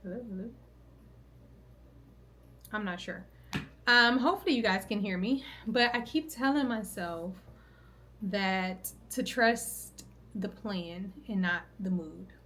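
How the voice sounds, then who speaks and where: A worn-out woman in middle age talks straight to camera from her home, chatty and loose, often breaking off mid-thought and circling back. Her voice sits at an ordinary middle pitch, with a faint hiss of noise behind it. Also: slow pace, pauses often, a bit bright. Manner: chatty, rambling and self-interrupting, thinking aloud. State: tired, out of breath at times. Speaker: content creator vlogging her routine. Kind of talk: casual vlog talk to camera. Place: at home, indoors.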